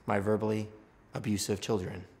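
An actor playing a paranoid, dim-witted bodyguard in a scripted comedy, speaking with solemn, defensive earnestness. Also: male voice, fairly low pitch, flat delivery, a little fast, gravelly, darkish tone, big-room sound, a little hiss or hum.

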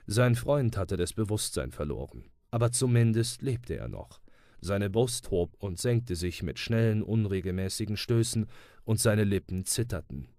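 A man narrating an adventure audiobook with steady, dramatic storytelling. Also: fairly low pitch, no room sound, clean studio sound. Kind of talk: audiobook reading.

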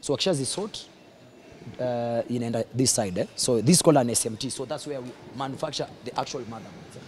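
A Kenyan-accented man in his forties guides visitors around a large indoor electronics factory floor, casually explaining the machines in a mix of Swahili and English while pointing and gesturing. He speaks quickly at medium pitch into a handheld mic held by the interviewer, with background noise audible.

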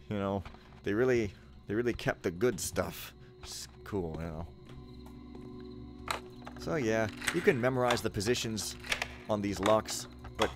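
A man giving casual, sardonic, rambling commentary as he plays through a video game. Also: on the low side. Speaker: let's play host. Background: video game sound and music.

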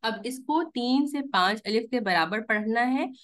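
A woman's voice: fairly high pitch, unhurried. A woman teaching a live online recitation class, patiently explaining rules step by step and checking in with her students. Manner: stretches recited vowels to counted lengths.

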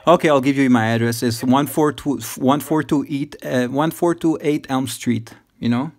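A man's voice: medium pitch, moderate pace, a little mellow. A man hosting a scam-baiting video, taunting a caller with constant swearing and mocking laughs. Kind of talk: profane taunting phone call.

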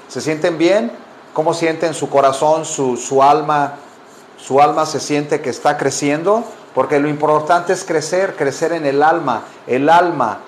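A man whose first language is Spanish, giving a casual online English lesson and repeating phrases slowly for learners. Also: a little high, a little hiss or hum. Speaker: English teacher.

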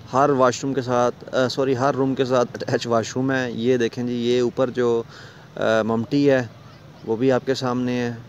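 This property dealer, a man with a Pakistani Urdu accent, has a mid-range, slightly mellow voice with the highs cut off and a faint hiss or hum. Holding a phone camera as he walks, he shows viewers around a large empty rental house, inside and on the stairs, pitching it in a salesy manner and pointing things out throughout.

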